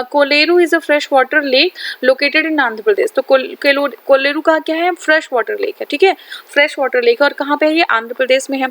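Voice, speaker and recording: High-voiced Indian woman teaching a lesson. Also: a bit bright. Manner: reads English lines slowly, then repeats key points in Hindi, frequent "thik hai". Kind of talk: exam-prep lesson, Hindi mixed with English.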